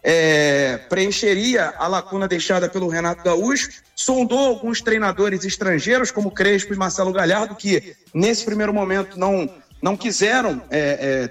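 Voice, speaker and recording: A man phoning in as a sports reporter on speakerphone, giving a measured, informative report with the occasional filler. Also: high voice, fairly bright tone. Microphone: phone on speakerphone. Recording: distant speakerphone call.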